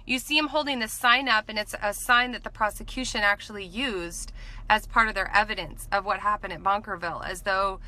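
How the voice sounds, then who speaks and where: Female, thirties. Bright, forceful tone at a middle pitch, earnest informal recap read from notes. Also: steady tone, brisk. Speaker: vlogger recapping a court trial. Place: inside a parked car at night. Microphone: phone or camera at arm's length.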